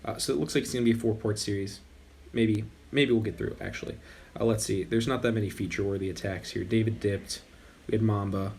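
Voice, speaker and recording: His voice is fairly low, fast and creaky, with few pauses and a faint hiss or hum in the audio. A young gaming host, he's losing his voice as he casually narrates gameplay, rambling and frequently correcting himself.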